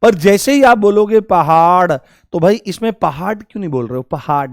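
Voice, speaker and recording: A man's voice: sits high, big pitch swings, quick pace, dark tone, dry recording, clean studio sound. A man teaching a grammar lesson, asking questions and answering them himself, fondly calling his students "babu". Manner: calls listeners "babu" affectionately.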